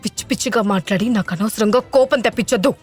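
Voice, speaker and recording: A woman's voice: on the high side, rapid-fire, breathy edge, soft background music. A woman voicing a cold, defiant young mother who speaks firmly in an audio drama. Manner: cold, firm.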